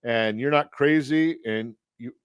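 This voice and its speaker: A man's voice: mid-range voice, smooth, no echo. A middle-aged man hosting a talk radio show, chatting casually, making fun of himself, and often repeating words as he starts sentences. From Southern California. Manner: self-deprecating, halting, full of repeated words.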